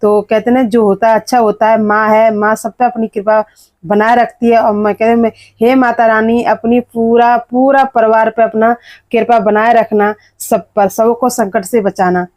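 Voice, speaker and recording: A woman's voice: fairly high pitch, level tone, moderate pace, a little mellow, dry recording. Chatty woman vlogging on her phone. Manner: chatty, talks straight to viewers. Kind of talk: casual vlog narration. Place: outdoors on the street and at a temple. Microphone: phone held while walking.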